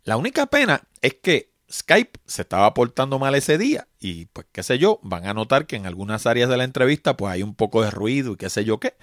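A male podcast host with a very animated voice that swings up and down as he talks. His delivery is chatty and relaxed, full of little filler phrases. The sound is close and dry, with no room around it. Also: mid-range voice, a little fast, hardly any pauses, no echo. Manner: chatty, animated, leans on the filler 'qué sé yo'. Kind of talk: conversational podcast intro and interview.

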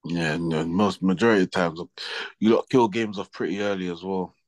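Deep-voiced man, blunt and teasing. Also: fairly even intonation, moderate pace, no echo. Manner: blunt, teasing, short retorts. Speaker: podcast co-host. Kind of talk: casual football chat.

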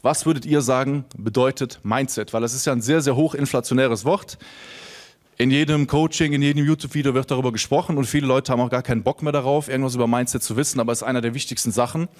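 A man's voice: medium pitch, fairly even intonation, fast talker, a little mellow. A young adult man speaking on a microphone to a live seminar audience, casual and chatty, full of fillers, telling anecdotes to the room.

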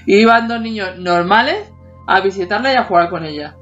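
Talking a little fast in a mid-range, slightly bright voice, this podcast co-host in her forties chats casually about the TV songs of her childhood. She laughs a lot and hums snatches of old tunes; the sound is dull and lo-fi, with faint background music.

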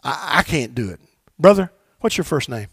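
A man preaching a sermon as pastor in a church, swinging from shouted exhortations to low, quiet asides and leading call-and-response with his congregation. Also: sing-song, normal speed, creaky, breathy edge, no room sound, clean studio sound. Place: church sanctuary.

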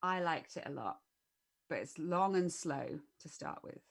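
A woman's voice: low-pitched, animated, measured pace, vocal fry. A woman co-hosting a casual podcast, giving blunt, sweary opinions on a TV series. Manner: blunt and sweary, laughs easily. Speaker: podcast co-host. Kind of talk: casual podcast film review.

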